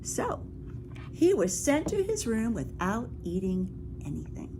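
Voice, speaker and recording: Like a teacher or librarian, a woman reads a picture book aloud to young children, expressive and engaging, whispering for suspense and asking the listeners questions. Her voice is a little high and unhurried, with a noisy background.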